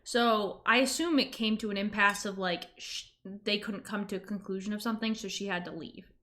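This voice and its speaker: A woman's voice: mid-range voice, fairly even intonation, fairly quick, fairly bright tone. A woman streamer in casual reaction chat, talking informally and emphatically and acting out the reactions she quotes.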